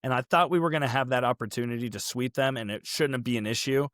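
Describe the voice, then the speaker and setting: A man's voice: mid-range voice, quick pace, no room sound, studio quality. A man hosting a casual sports podcast, telling stories animatedly and acting out quotes. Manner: animated storyteller, acts out quotes. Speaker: podcast host.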